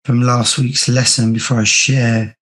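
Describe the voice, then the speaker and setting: A man with a hoarse, croaky sore-throat voice, teaching an online religious class in a measured, deliberate way. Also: medium pitch, level tone, a bit bright, rough recording. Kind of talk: online class lecture with reading aloud. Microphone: video call.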